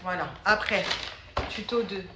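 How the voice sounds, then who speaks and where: A woman's voice: mid-range voice, measured pace. A woman vlogging casually at home, teasing and laughing with her family, easily exasperated. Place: indoors at home. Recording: echoey room with loud noise.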